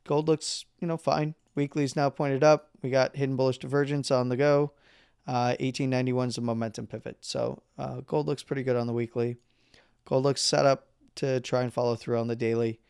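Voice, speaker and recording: A man hosting a live market analysis stream who is losing his voice, talking casually through chart levels with halting fillers and the odd throat-clear. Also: mid-range voice, level tone, a little mellow, no echo, clean studio sound. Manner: halting, with fillers and number readouts; clears throat and coughs now and then.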